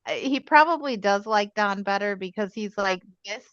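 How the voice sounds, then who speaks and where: A woman's voice: medium pitch, moderate pace, fairly bright tone, no echo, dull audio. A woman chatting casually about her dog, candid and laughing as she talks. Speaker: dog owner. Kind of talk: casual chat.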